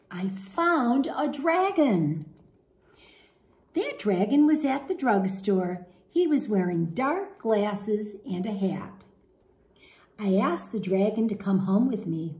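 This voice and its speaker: A woman in her fifties, a teacher, reads a picture book aloud to children in a large open living room at home. Her voice is a little high and warm, and she adds dramatic emphasis and asks the listeners questions. The recording carries a roomy home echo.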